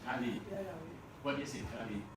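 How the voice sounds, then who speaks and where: A man with a Burmese accent teaching an English class, speaking slowly, repeating words and chuckling often. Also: mid-range voice. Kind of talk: classroom lecture. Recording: echoey classroom, mic far off, noisy.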